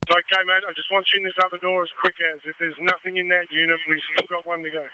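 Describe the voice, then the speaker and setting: A man commands over a two-way radio. He is quick and high-pitched, crisp and direct in an informal way. The signal carries clear static. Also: flat delivery, dull audio. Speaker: fire commander.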